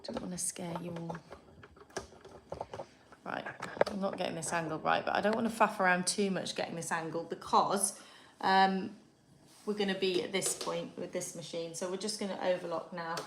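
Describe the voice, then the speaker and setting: A woman from Yorkshire, England, with a fairly low, fairly even voice, talks briskly through a live sewing tutorial in her home kitchen, chatting and thinking aloud as she works. Echo and background noise fill the recording.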